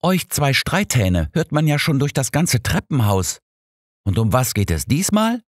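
A man voicing a brisk, motherly housekeeper who scolds two quarreling old men. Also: lowish voice, big pitch swings, a little mellow, no room sound, studio quality, voice pushed up. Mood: bossy. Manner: bossy, firm.

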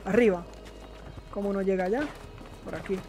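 Excitable gamer muttering over gunfire. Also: mid-range voice, normal speed. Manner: excitable, talks to self, exclaims in frustration. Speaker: gamer streaming a shooter game. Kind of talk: live gameplay commentary. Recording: gameplay noise mixed under voice. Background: gunfire and game sounds.

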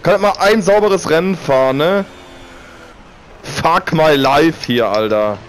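A man's voice: fairly high pitch, lively intonation, a little slow, slight background noise. A man ranting and swearing in exasperation during casual online racing game chat. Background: racing game engine sounds.

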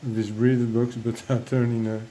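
A man's voice: medium pitch, level tone, a little fast, warm tone, a little hiss or hum, rough recording. A man with a French accent talking casually about his fish breeding, hesitant and full of fillers and restarts. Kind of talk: casual hobby vlog.

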